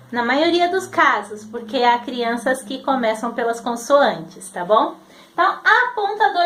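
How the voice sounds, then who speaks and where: A woman, teaching patiently and sounding out syllables slowly as she explains. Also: very high-pitched, a bit bright. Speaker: literacy teacher. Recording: roomy echo.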